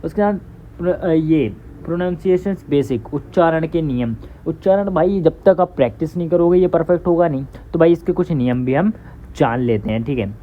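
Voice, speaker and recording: A man's voice: on the high side, moderate pace, narrow, tinny audio. Man teaching over thin phone audio. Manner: chatty, loose, reassuring, calls listeners bhai. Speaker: English teacher. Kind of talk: casual online lesson.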